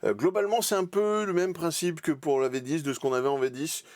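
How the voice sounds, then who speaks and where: A man's voice: a little high, steady tone, brisk, darkish tone, dry recording. A man hosting a casual weekly hobby news recap, chatty and hesitant, with many fillers and restarts. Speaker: channel host.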